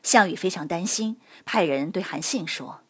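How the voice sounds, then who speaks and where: A woman narrating history stories for children in a lively, expressive storytelling manner. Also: on the low side, moderate pace, husky.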